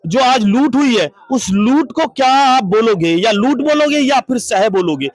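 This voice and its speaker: A man's voice: very high voice, expressive, a little slow, no echo. A man reporting from a crowded street as a local news reporter, making urgent, dramatic appeals to viewers.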